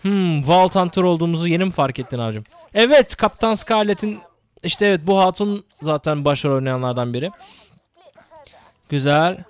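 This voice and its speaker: A young man giving casual, excitable gameplay commentary, swearing and repeating words rapidly. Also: fairly high pitch, smooth.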